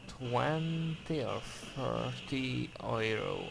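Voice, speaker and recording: A Hungarian man with a Hungarian accent records a voice-over for game footage, reviewing and commenting hesitantly in careful English, with many fillers and restarts. His voice is medium-pitched with vocal fry, he talks extremely slowly, and the background is noisy.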